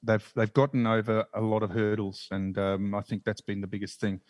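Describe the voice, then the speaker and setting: A man chats casually on a podcast. His voice sits a little low, and the sound is dry with no room around it. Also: flat delivery, brisk, a little mellow, dry recording. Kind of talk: casual chat.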